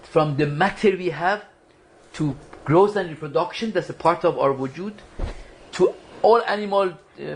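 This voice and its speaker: This low-quality recording, with a faint hiss or hum, captures a high-sitting male voice. He teaches a small religious study group in a community foundation's lecture room, chatting informally, questioning the audience, and often starting his sentences over.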